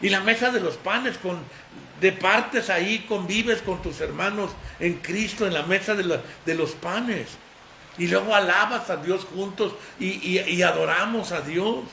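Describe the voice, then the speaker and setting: A man preaching an informal, emphatic sermon, repeating phrases and chatting with those near him. His voice sits high and sounds bright. It is recorded in an echoey room with faint noise. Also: a little slow, gravelly. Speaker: pastor.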